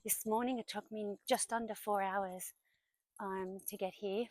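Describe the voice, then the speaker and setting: A woman's voice: mid-range voice, fairly even intonation, measured pace, no echo, low-quality recording. A young woman from New Zealand talking casually to her camera while walking outdoors on a woodland trail, often dropping to a whisper. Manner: chatty, often drops to a whisper. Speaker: vlogger.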